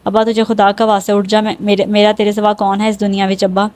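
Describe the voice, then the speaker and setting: A woman's voice: mid-range voice, monotone, a little mellow, lightly acted. A woman voicing a young village woman, wronged and grieving, in a storybook narration, pleading and accusing.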